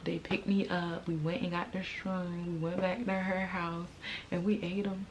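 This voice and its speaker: Young American female vlogger, low register, candid slangy storytelling, some noise in the recording. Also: level tone, normal speed. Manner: informal, slangy, candid and emphatic, drawing out and repeating words. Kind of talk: casual personal storytelling.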